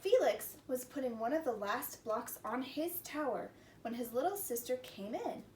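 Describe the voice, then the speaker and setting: Here a woman with a high-pitched, expressive, slightly mellow voice talks at normal speed to young children during a preschool story time. She reads aloud in a sing-song teacher's manner and asks simple questions, captured on a distant mic in a roomy space with faint noise.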